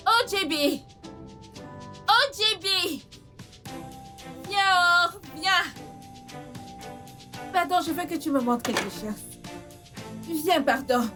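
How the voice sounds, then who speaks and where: A woman's voice: sits high, lively intonation, slow, long pauses, a bit bright, soft background music, heavily acted. An actress playing a defiant young woman of modest means who talks back, in a dubbed film drama. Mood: playful. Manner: playful then indignant, exclaiming.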